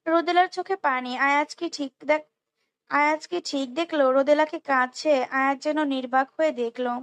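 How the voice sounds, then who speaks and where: A woman's voice: sits high, fairly even intonation, moderate pace. A woman reading a romance novel aloud in speech, unrehearsed, with restarts and little asides. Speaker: storyteller.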